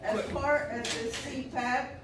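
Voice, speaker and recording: Woman asking practical questions at a meeting, higher voice, hiss around. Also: steady tone, takes it slowly. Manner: practical, inquiring. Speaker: group member. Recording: echoey room from far off, noisy.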